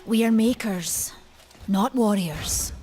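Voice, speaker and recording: Here the forge keeper is a proud, obstinate woman, played by an actress who speaks slowly in a medium-pitched, slightly mellow, everyday-sounding voice. She bargains in plainspoken, archaic terms against game music.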